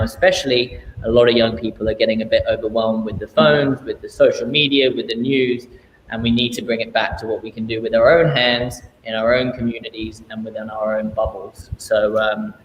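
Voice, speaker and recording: A man with an Australian accent, a charity founder talking casually in an interview, relaxed and rambling with many fillers and restarts. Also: lowish voice, brisk, lo-fi sound. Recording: echoey room with faint noise.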